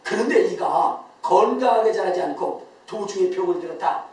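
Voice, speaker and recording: Male pastor preaching in a booming, echoey church. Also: lively intonation, normal speed, darkish tone, far from the mic. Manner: emphatic, quizzes the congregation, often laughing as he speaks. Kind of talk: Sunday sermon. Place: church sanctuary.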